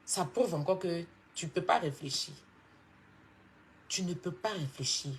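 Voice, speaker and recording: A woman's voice: lowish voice, measured pace, slight background noise. Scolding Ivorian woman on a live rant. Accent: Ivorian French. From Côte d'Ivoire. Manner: scolding, mocking, insistent repetition. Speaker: social media personality. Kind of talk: heated live-stream rant.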